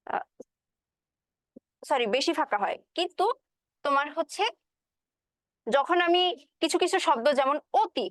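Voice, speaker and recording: A woman teacher with a high voice explains a lesson step by step and keeps checking that her students follow. She mixes English words into her speech. The recording is dry and close, with no room echo. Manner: spoken with English words mixed in. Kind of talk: classroom lecture.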